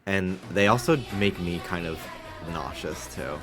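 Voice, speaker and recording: A man's voice: low voice, unhurried, music in the background. A man in his late twenties giving casual, candid reaction commentary with informal, profane phrasing. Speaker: host reacting to old commercials.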